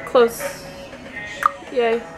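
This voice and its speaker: A young woman chatting casually and excitably in a vlog, recorded on a handheld camera in a bedroom. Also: drawn-out words, over music. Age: young adult. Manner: excitable, gushing, informal. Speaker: vlogger. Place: small bedroom indoors. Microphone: handheld camera at arm's length.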